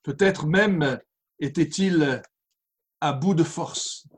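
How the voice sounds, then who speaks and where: Slow, husky-voiced male preacher. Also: on the high side. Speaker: pastor. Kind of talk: sermon with Bible reading.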